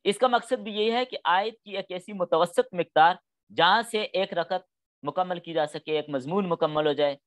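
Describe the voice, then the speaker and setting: Teaching Quran studies in a classroom, a middle-aged man explains things patiently step by step and performs spoken examples. He has a high, smooth voice and speaks at a moderate pace.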